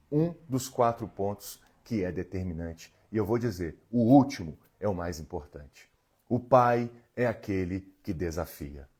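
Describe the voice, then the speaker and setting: A man's voice: lowish voice, mellow, husky. A man. He is an emotional healing therapist who talks earnestly and directly to viewers on a live stream from his home. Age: 40s. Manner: earnest, coaching, talks straight to the audience and reads their comments.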